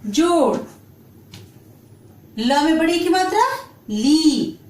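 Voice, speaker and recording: A woman teacher explaining a children's lesson slowly, drawing out each syllable. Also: sits high, lively intonation, darkish tone, echoey room, distant mic. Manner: slow, drawn-out syllable-by-syllable explanation.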